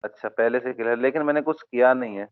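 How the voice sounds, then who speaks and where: A man's voice: medium pitch, quick pace, clean tone, no echo. A male math teacher holding an online class, quizzing students and answering his own questions, his voice crackling and breaking up over a bad connection. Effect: crackling, breaking-up audio from a bad connection. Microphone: online video call. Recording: narrow phone-like online call audio.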